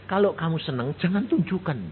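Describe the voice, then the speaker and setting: An older man preaching a sermon, emphatic, swinging between loud high bursts and low quiet asides, acting out little dialogues. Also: animated, a little fast. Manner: emphatic, rises sharply and drops low, acts out dialogues. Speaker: evangelist preacher. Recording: tinny phone-like audio with faint hiss.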